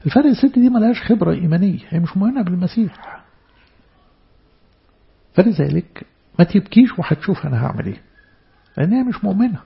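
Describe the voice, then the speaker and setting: Gravelly Egyptian preacher, man. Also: high-pitched, expressive, quick pace, long pauses, dull audio. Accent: Egyptian Arabic. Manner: emphatic, swinging between loud stresses and soft asides. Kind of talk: church sermon.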